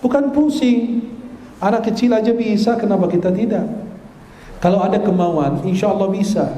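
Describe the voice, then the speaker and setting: High-voiced man preaching in echoey hall. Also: warm tone. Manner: slow careful recitation of Arabic sounds. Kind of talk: sermon. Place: mosque hall. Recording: echoey long hall reverb.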